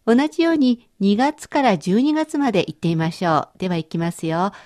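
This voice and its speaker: A Japanese woman teaching a radio language lesson, explaining patiently and clearly. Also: mid-range voice, big pitch swings, fairly quick, darkish tone.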